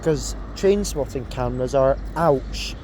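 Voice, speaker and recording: A man's voice: medium pitch, measured pace, mellow. A man chatting informally to a companion, making casual running remarks as he films trains on a phone. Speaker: amateur train spotter filming. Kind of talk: casual chat while filming. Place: railway station platform. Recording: phone recording with station background noise.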